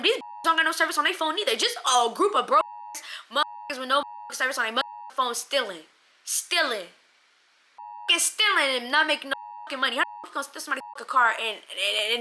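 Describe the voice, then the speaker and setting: A woman telling a casual storytime vlog into her phone camera, animated and slangy, swearing freely and acting out what people said. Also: high voice, background noise. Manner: animated, slangy, swears a lot, acts out quotes. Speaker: storyteller vlogger.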